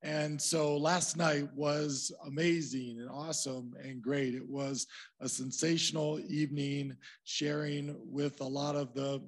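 A male pastor with a hoarse, nearly lost voice, preaching a conversational sermon with asides. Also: fairly high pitch, little pitch movement, unhurried. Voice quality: gravelly, husky.

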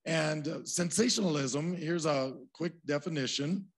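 A male pastor with a hoarse, nearly lost voice, preaching a conversational sermon with asides. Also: on the high side. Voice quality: gravelly, husky.

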